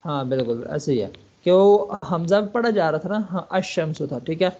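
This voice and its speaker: A man from Pakistan teaching an online Arabic lesson, explaining step by step and reading English lines aloud slowly, checking often that the student follows. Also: fairly high pitch, expressive, dark tone, dull audio. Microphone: online call.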